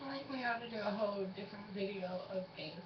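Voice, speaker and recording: A woman's voice: medium pitch, fast talker. A woman co-hosting a casual challenge vlog, bantering in a playful, teasing, informal way. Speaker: co-host of a challenge video. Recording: roomy, distant, muffled with clear noise.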